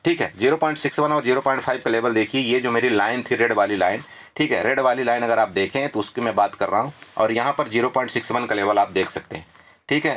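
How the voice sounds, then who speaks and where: A stock trading tutor with a medium-pitched, fairly bright voice guides viewers through charts informally. He chats a lot, repeats himself, often says "theek hai," and treats his audience like friends, checking in with them regularly.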